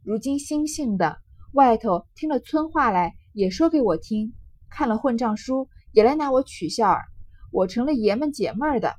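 A woman's voice: on the high side, lively intonation, brisk, few pauses, a little mellow. A woman reading the lines of a proud, sensitive young noblewoman from a classic novel. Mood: hurt.

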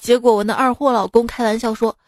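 Chatty woman host, higher-pitched voice. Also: steady tone, fast talker, darkish tone, no room sound, studio quality. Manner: chatty, often laughing at the jokes. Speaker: radio host. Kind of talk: reading listener-submitted jokes. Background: faint background music.

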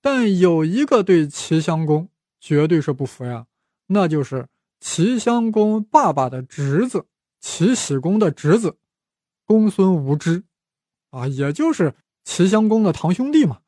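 A man's voice: high-pitched, big pitch swings, a little slow, dark tone, no echo, clean studio sound. A man hosting a podcast, telling history as a casual, playful story with chatty asides to the listener. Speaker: podcast host.

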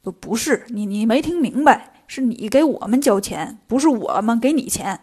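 Storybook bandits, male, loud and blustery, voiced by a woman storyteller. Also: on the high side, expressive, slightly rough, voice pushed down. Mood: flustered. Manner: loud, chanting threats, slow. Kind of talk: storytelling for children.

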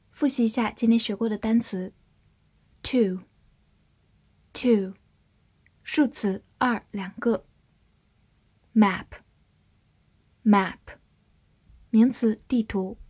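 A woman teaching English vocabulary in a scripted lesson, spelling words out and reading model sentences slowly and carefully. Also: mid-range voice, darkish tone, husky.

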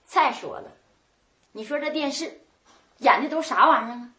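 A woman playing a shrill quarrelsome sister-in-law. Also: animated, moderate pace. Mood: scornful. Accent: Northeastern Mandarin. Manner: sharp-tongued, quarrelsome. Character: shrewish middle-aged sister-in-law, stingy and spiteful. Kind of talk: comic stage folk opera dialogue. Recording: echoey stage sound.

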